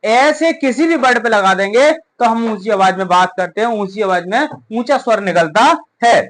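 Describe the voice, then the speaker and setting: A woman's voice: mid-range voice, normal speed, rough recording. A woman teacher, drilling children on vowel signs in a classroom and answering her own questions. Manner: drilling, asks questions and answers them herself. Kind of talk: children's Hindi phonics lesson. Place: coaching classroom.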